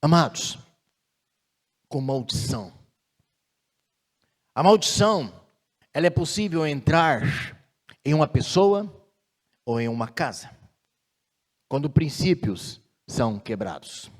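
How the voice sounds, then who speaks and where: A man preaching a sermon as pastor, measured and deliberate, slowing down and swelling in force on key phrases. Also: fairly high pitch, sing-song, big-room sound.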